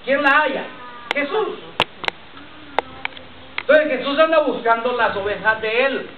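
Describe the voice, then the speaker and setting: Preaching unhurriedly in a very high-pitched voice, a man shares his personal testimony, repeats himself, and keeps addressing the crowd as "brother." The distant, tinny lo-fi church recording sounds roomy and noisy, with congregation responses audible.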